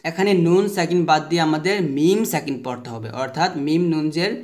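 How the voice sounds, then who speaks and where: A man's voice: fairly high pitch, animated. Patient man teaching Quran recitation rules. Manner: asks the class a question, then answers it himself, and chants the letters slowly; has listeners repeat after him. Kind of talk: tajweed lesson.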